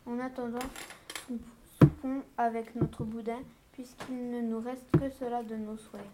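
A woman's voice: on the high side, level tone, moderate pace, natural voice. Woman reading a vain peasant wife. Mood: wise. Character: poor peasant wife, vain and quick-wishing. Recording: noisy home recording with clicks.

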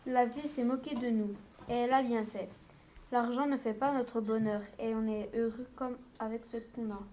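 A vain, eager peasant wife from a storybook, read aloud by a woman with a fairly high voice and a dramatic manner. Clear hiss and clicks run under the reading. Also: fairly even intonation, moderate pace, warm tone, close to an everyday voice. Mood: wise. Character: poor peasant wife, vain and quick-wishing. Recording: noisy home recording with clicks.

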